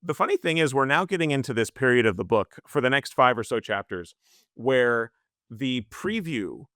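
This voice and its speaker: A man co-hosting a book-club podcast, talking in a measured, explanatory way. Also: mid-range voice, animated, a bit bright, no room sound, studio quality. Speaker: podcast co-host.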